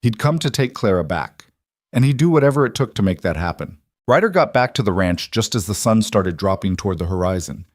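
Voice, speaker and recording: Low-voiced man narrating a western. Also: lively intonation, brisk, no room sound, studio quality. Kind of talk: scripted audiobook narration.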